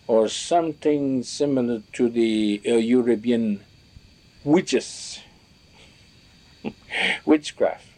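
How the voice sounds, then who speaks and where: A man speaks slowly in a warm, mellow voice, recalling the stories of his elders. He pauses and restarts often, searching for words in a reflective, halting way. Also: mid-range voice. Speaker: storyteller recalling teachings from elders. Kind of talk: reflective spoken recollection.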